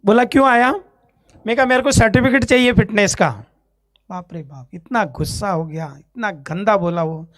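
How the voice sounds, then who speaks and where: Man from Ajmer, India, church testimony speaker, animated storyteller who acts out the dialogue, dry sound. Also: high-pitched, moderate pace, no room sound. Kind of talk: spoken testimony on stage. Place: church stage.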